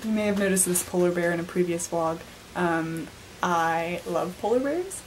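A young woman in her twenties holds a camera at arm's length and chats casually in her bedroom, leaning heavily on fillers like "like" and "um." Her lowish voice moves at a moderate pace. There's a little hiss or hum, and the recording quality is low.

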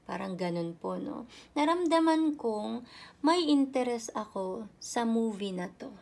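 A woman teacher talks through grammar at an unhurried pace. Her voice has a gravelly, creaky edge. She repeats every example twice and checks with short tag questions. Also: fairly high pitch, animated, dark tone. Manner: repeats each example sentence slowly, checking with "ne?"; polite and patient, uses respectful "po". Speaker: Japanese language teacher. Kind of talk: explaining grammar in a lesson.

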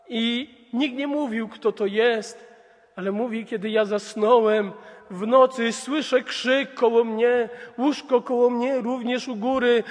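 A man's voice: very high voice, long reverb tail. A man preaching a sermon, retelling a story as a storyteller and often repeating "he says".

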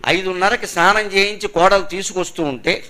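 A man's voice: high-pitched, a little fast, pushed and bright. An older man giving a spiritual discourse, speaking emphatically with rhetorical questions and chanting Sanskrit verses and divine names.

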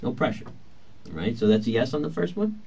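A sing-song, medium-pitched male voice, a little fast, creaky and warm with a breathy edge, belongs to a police detective. He conducts a polite, by-the-book, reassuring interview, captured on an old interrogation tape with muffled lo-fi sound and faint hiss.

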